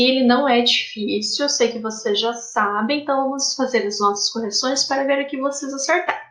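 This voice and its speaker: Lady teacher walking kids through a lesson, high voice, keeps checking they follow, roomy echo. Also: a bit bright. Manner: patient, explains step by step with frequent "tá?" and "né?" checks. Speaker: primary school teacher. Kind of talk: recorded remote lesson for fifth graders. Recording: echoey room.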